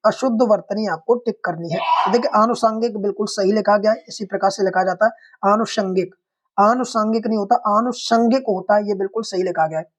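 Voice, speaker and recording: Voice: medium pitch, fast, few pauses. A teacher giving an online exam-prep lesson, explaining each answer step by step, often repeating a word to check understanding and addressing viewers as friends.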